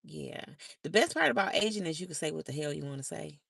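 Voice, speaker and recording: A woman's voice: low-pitched, lively intonation, fast, creaky, a bit bright, breathy edge, no room sound, studio quality. An older woman chatting casually and bluntly on a live stream, swearing freely.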